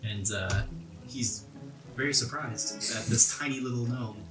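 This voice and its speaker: A man with a mid-range voice narrates a tabletop role-playing game as game master, telling the story descriptively at a slightly slow pace. The recording has a distant mic and roomy echo, with a music bed underneath.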